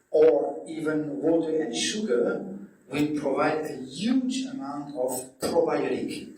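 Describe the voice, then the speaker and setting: A man from Belgium with a French accent, a nutrition coach giving a friendly, halting talk to a club audience. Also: a little high, slight background noise. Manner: friendly, hesitant, with many fillers. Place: hotel function room. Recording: echoey room, distant mic.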